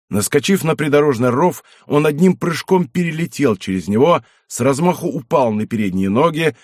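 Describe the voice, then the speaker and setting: Husky male audiobook narrator. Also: medium pitch, a little mellow, no echo, studio quality.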